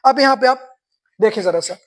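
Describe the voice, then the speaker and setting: A woman teaching beginners to read, spelling words slowly syllable by syllable and quizzing her students. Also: a little high, expressive. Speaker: Quran reading teacher.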